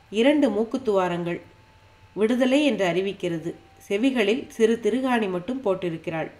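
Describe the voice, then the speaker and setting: Female audiobook narrator, steady and even, scripted novel reading. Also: medium pitch.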